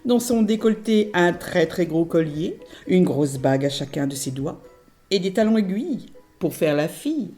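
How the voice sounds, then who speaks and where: Animated woman telling a children's tale. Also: lowish voice, normal speed, faint music behind. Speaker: storyteller. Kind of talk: expressive storytelling for children.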